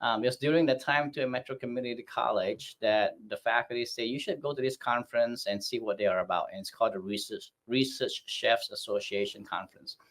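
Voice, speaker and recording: A man's voice: medium pitch, brisk, few pauses, a bit bright. A middle-aged man from Malaysia, a hospitality school dean, telling his career story in a chatty, self-deprecating way. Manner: chatty, self-deprecating, acts out quoted voices. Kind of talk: storytelling interview answer.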